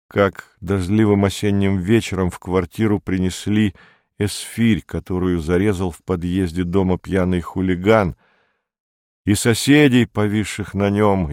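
A man reads an audiobook aloud in a measured, even storytelling manner. His voice sits low, and the recording is dry and close. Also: dry recording. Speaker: audiobook narrator. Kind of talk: scripted narration.

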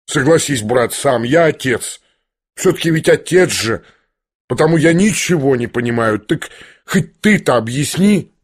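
A man's voice: mid-range voice, expressive, measured pace, husky. A man voicing a flustered middle-aged general and father who fumbles and repeats himself. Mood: bewildered.

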